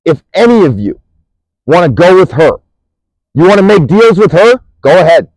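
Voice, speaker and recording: A man's voice: high-pitched, sing-song, moderate pace, a little mellow, no echo, rough recording. A man delivering an angry, profane monologue, accusing and rambling, restarting sentences as he goes.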